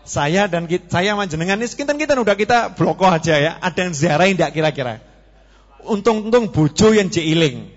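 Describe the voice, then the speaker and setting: A preacher with a Javanese accent delivers a joking sermon, often asking his listeners questions and mixing Javanese into his Indonesian. His man's voice sits on the high side. The recording is dull and lo-fi, with a long echo. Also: animated, brisk. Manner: joking, asks the audience questions. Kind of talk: sermon to a live congregation. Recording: reverberant, dull lo-fi hall recording.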